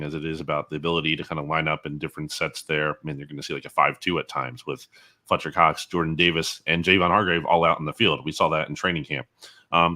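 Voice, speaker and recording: Deep-voiced and sharp in tone, this guest football analyst gives chatty, opinionated sports commentary during an interview. He frequently qualifies his points along the way.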